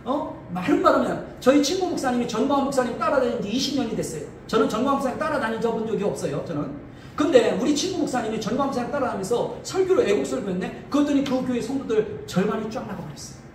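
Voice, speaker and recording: A man's voice: very high-pitched, animated, fast talker. A male pastor from Chungcheong giving a combative political lecture to an audience, firing rhetorical questions and repeating his phrases for emphasis. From Chungcheong, Korea. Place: lecture hall. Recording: echoey hall from a distant mic, faint noise.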